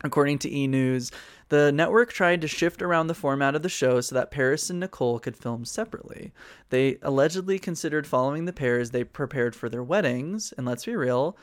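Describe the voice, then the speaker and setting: A man's voice: fairly high pitch, fairly quick, smooth. A man co-hosting a casual pop-culture podcast, reading from notes and then riffing in a chatty, joking way with laughs and the odd swear. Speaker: podcast co-host.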